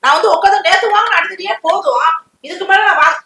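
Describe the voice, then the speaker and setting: A woman's voice: extremely high pitch, fast talker, roomy sound, over a noisy crowd. An actress playing a bossy, argumentative older woman who scolds her housemates. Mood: scolding.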